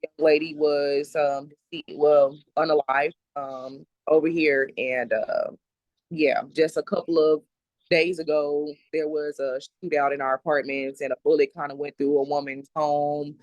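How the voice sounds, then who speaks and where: Soft-spoken woman, slow and plain. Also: low voice, fairly even intonation, no room sound, dull audio. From South Dallas, Texas. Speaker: interviewee, mother. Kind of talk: personal interview.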